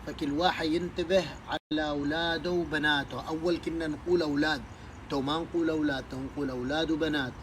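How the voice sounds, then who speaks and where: A man's voice: fairly high pitch, fairly bright tone, slight background noise, rough recording. A man giving emphatic advice to parents, preaching with many rhetorical questions. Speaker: social media speaker giving advice to parents. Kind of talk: impassioned advice monologue.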